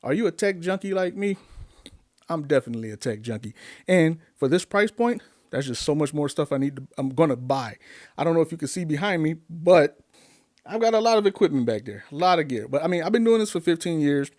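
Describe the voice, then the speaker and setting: Recorded close on a condenser mic mounted on a desk arm, a YouTube tech reviewer vlogs casually to camera from a home studio with gear behind him. His pitch is fairly high, his intonation lively, his tone a little mellow, and he talks fairly quickly, keeping things upbeat and chatty with lots of questions to viewers.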